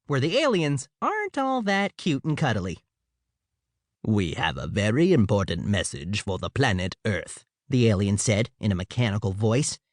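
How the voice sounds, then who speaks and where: A man's voice: medium pitch, no echo, clean studio sound. A man narrating a children's audiobook in the first person, with playful, comic storytelling.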